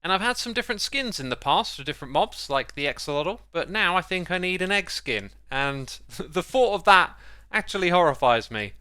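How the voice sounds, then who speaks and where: Hosting a gaming video, a man chats casually about the gameplay and throws in playful exclamations. His slightly high, bright voice is very clean and smooth, sing-song, and moderately paced, recorded dry and close with no room sound.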